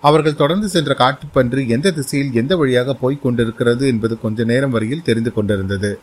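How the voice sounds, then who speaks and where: Male audiobook narrator for a historical novel, steady and dramatic, middle pitch. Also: quick pace, slightly rough. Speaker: storyteller.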